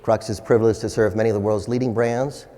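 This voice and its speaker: A man delivering a corporate keynote with polished, enthusiastic executive delivery and emphatic, rhetorical pauses. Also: lowish voice, steady tone, warm tone. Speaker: chief executive giving a keynote. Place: large indoor hall, on stage. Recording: large hall with long reverb.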